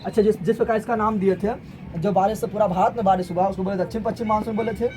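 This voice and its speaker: A male teacher, giving an animated classroom lecture and firing repeated questions at his students. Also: high-pitched, fast talker. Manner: animated, repetitive questioning, colloquial Hindi with regional forms. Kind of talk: classroom lecture with call-and-response.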